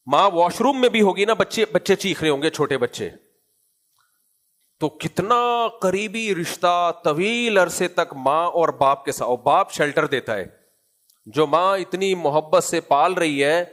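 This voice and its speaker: A man's voice: a little high, a bit bright. A man with a Pakistani Urdu accent giving a Quran commentary lecture, asking rhetorical questions and answering them himself. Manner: acts out casual scolding in asides. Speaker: preacher.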